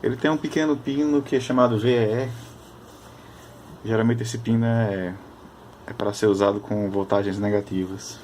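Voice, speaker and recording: A man chatting casually at his workbench, explaining technical details while thinking aloud, often pausing and restarting. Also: on the low side, steady tone, darkish tone, a little hiss or hum. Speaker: electronics hobbyist.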